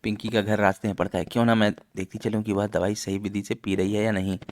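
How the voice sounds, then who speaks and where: A man's voice: fairly low pitch, little pitch movement, fast talker, darkish tone, natural voice. A man voicing a kindly female clinic nurse who speaks in a helpful, instructive way.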